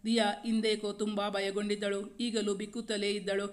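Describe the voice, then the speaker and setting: A woman storyteller reads a romance novel in steady, scripted narration. Her pitch stays almost completely flat, with a calm, even delivery. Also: moderate pace.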